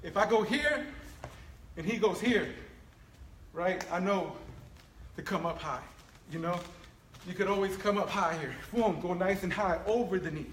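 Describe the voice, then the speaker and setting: A man teaching martial arts feints and stances, coaching in an animated way and checking in with "right?" and "all right?" as he demonstrates. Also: high-pitched, measured pace, long pauses, slight background noise. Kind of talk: instructional demonstration. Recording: echoey room with faint ambience.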